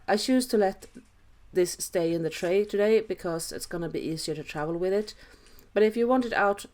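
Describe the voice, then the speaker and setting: With a lowish, slightly mellow voice, this Swedish-accented home cook from Sweden hosts a relaxed cooking tutorial voice-over. Her humour is dry and self-deprecating.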